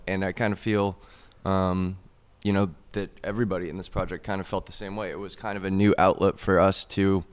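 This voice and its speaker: A man's voice: fairly low pitch, clear, resonant tone. A man in a band answering interview questions thoughtfully, with hesitations and fillers. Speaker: band member.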